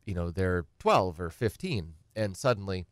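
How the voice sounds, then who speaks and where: Speaking at a moderate pace with lively intonation, this middle-aged man has a low-pitched voice. He's a guest attorney on a talk show, wandering conversationally through estate planning and playing out questions his clients ask. Studio-quality audio, no echo.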